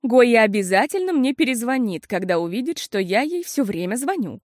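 Woman doing a worried mother, earnest, deliberate, fairly high voice, storybook. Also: big pitch swings, dry recording, clean studio sound. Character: worried, steady mother of three girls. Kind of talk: audiobook character voice.

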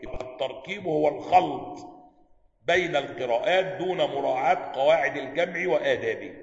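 An Egyptian sheikh lectures to students, reading a classical text and explaining it point by point. His voice sits fairly high for a man. The recording is a little dull and carries a long hall echo. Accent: Egyptian Arabic. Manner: reads a passage then explains it, often checks students follow. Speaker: sheikh teaching Quranic sciences. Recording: echoey hall, slightly dull sound.

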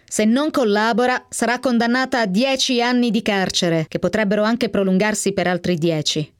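A stern, scornful male interrogator , read by a woman, presses his accusations in an insistent, accusing tone. The voice stays at an ordinary middle pitch. The studio sound is dry and close, with no room echo. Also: fairly even intonation, normal speed, lightly acted. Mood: menacing. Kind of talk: radio reading of a memoir. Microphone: studio microphone.

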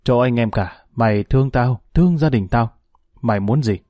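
A man voicing a panicked male prisoner who begs and wails, raising his voice high in despair, in a spoken story. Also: moderate pace, mellow, dry recording, studio quality, close to an everyday voice. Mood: pleading. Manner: wailing, begging, desperate.

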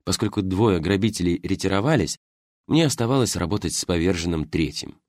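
A man reading a first-person story as an audiobook narrator, with an expressive storytelling delivery. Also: low voice, fairly quick, no room sound, clean studio sound.

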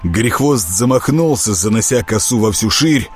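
A man reading a dark fantasy audiobook in an expressive, dramatic way. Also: on the low side, moderate pace, faint music behind. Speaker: audiobook narrator.

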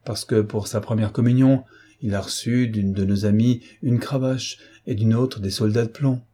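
A man's voice: on the low side, steady tone, normal speed, mellow, husky. A man doing a pleading, anxious mother. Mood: weary. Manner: imploring, wavering.

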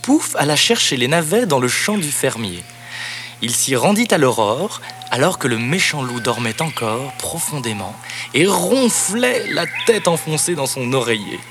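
Guy reading a kids story tape, animated swoopy voice, music playing under him. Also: mid-range voice, unhurried. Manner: lively, expressive read-aloud with swooping emphasis. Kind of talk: storybook cassette narration. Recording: cassette narration over background music.

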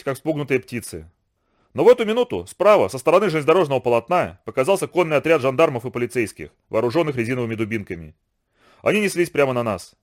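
Guy reading an audiobook, expressive storyteller, voice rises and falls a lot. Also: on the high side. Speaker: narrator. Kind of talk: scripted audiobook narration.

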